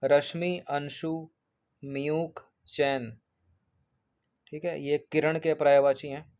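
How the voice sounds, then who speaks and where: A man's voice: a little high, little pitch movement, slow, a little mellow. A man working through an exam paper as a teacher, going point by point, repeating each answer and checking in with his students.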